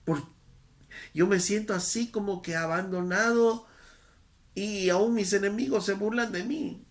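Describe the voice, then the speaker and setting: A man's voice: high voice, measured pace. A male pastor preaching a Sunday sermon, reading Scripture with emphasis and asking the congregation rhetorical questions.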